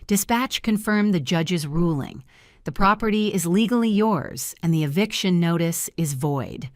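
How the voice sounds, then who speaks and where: A stern male sheriff in a storybook drama, flat and official, as a low-voiced woman puts him on. The voice is deep and dry, with no room sound. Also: unhurried, no room sound.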